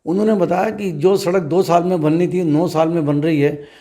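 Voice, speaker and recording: A man, a trade representative, giving measured, emphatic interview answers and often posing rhetorical questions. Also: a little high, steady tone, warm tone. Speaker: trader association leader interviewed as guest.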